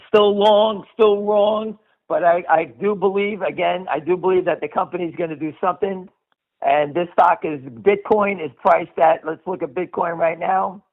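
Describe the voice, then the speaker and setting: A middle-aged or older man with a high voice runs a stock market call, giving unscripted, opinionated commentary. He is blunt and emphatic, swears, and repeats phrases. The audio is muffled and lo-fi, like a radio call.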